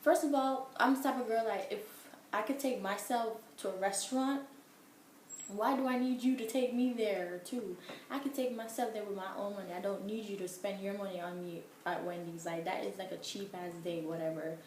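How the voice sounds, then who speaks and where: A woman's voice: mid-range voice, steady tone, normal speed. A young woman telling a casual story in an exasperated, emphatic way, full of filler words. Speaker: vlogger. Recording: echoey room, faint background hum.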